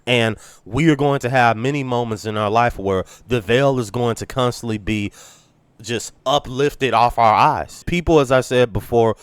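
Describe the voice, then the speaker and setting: Congested male vlogger, earnest rambling sermon-like talk, smooth resonant tone, dry close recording. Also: mid-range voice, normal speed, no echo. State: congested, sick. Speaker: channel host. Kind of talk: monologue to camera.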